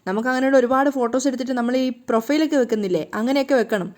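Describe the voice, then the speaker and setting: Woman voicing a proud father in a serial retelling, high-pitched and boastful. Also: very fast, a little mellow, natural voice. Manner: boastful, fond. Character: proud doting middle-aged father.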